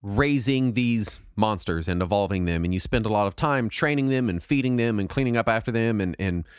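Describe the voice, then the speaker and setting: A man hosting a podcast in casual, jokey, self-deprecating chat, his throat raspy from a cold. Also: on the low side, a little fast, dry recording, clean studio sound. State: sick with a mild throat cold and cough. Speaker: podcast host.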